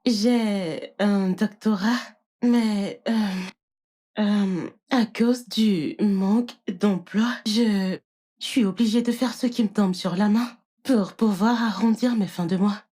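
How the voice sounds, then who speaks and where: A woman dubbing a polite, apologetic job applicant in a French film dub, soothing and gentle with a crying baby. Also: medium pitch, slow. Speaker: nanny applicant.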